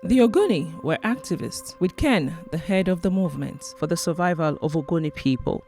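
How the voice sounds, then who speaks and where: A woman narrating a documentary in a solemn, clear and expressive scripted style. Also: on the low side, brisk, soft background music.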